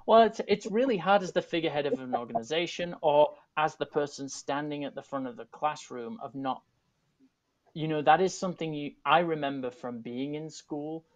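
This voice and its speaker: In dull, lo-fi video call audio, a man in his thirties from England speaks with a fairly high voice and a Yorkshire accent softened for Americans. A teaching artist and artistic director, he talks casually and thoughtfully on a panel from a home room, using earphones and often restarting or going off on asides.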